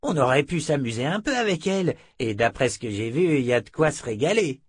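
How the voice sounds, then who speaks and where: Dude doing a crude leering thug, coarse and grumbly, audiobook. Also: male voice, mid-range voice, big pitch swings, a little fast, husky, dry recording, pitched above the performer's own voice. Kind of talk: audiobook character voice.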